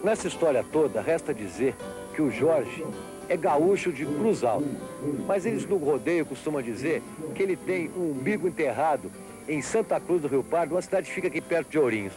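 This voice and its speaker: A man's voice: fairly high pitch, lively intonation, fairly quick, low-quality recording. Brazilian male reporter over guitar music. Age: middle-aged. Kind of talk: conversational interviewing. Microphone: handheld reporter microphone.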